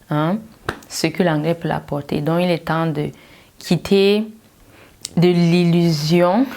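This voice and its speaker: Low-voiced woman giving an emphatic pep talk. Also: vocal fry, darkish tone. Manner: emphatic, direct, rhetorical questions. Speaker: English learning coach. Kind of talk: motivational talk to viewers.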